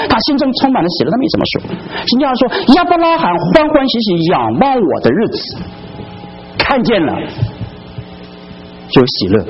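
A man's voice: fairly high pitch, slight background noise. A man preaching a sermon to a congregation, constantly putting rhetorical questions to his listeners. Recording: dull lo-fi recording.

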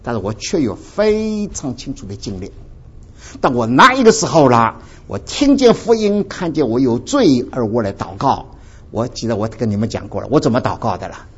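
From Dinghai in the Ningbo area of China, a husky-voiced man delivers a sermon with personal testimony at a moderate pace. His pitch is lively as he tells the story animatedly and speaks directly to the congregation. The recording is dull and lo-fi.

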